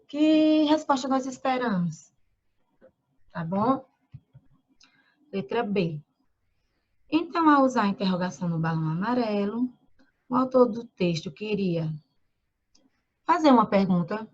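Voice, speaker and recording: A woman from Brazil who teaches young children in a remote lesson. She reads slowly, names the punctuation marks aloud and asks the children questions. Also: fairly high pitch, dull audio.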